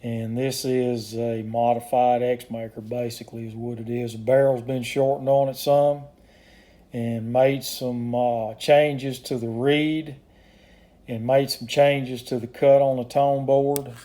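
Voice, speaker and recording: A man with a deeply mellow, relaxed voice walks through a handmade product in a casual demonstration. His intonation stays quite flat and his pitch sits in an average male range. He explains things plainly, with a folksy, unhurried manner. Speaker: duck call maker demonstrating his product.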